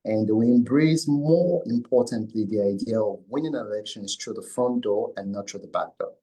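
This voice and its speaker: Hesitant low-voiced man. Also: moderate pace, dark tone, slightly rough, rough recording. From Nigeria. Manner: hesitant, many fillers and restarts. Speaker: company founder and CEO, guest. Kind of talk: conversational interview answers.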